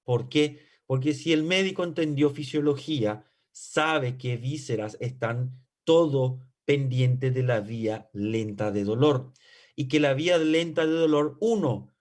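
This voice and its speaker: A man's voice: medium pitch, a little slow, darkish tone. A man giving a classroom physiology lecture. He asks himself rhetorical questions, keeps checking understanding, and briefly acts out patient and doctor exchanges.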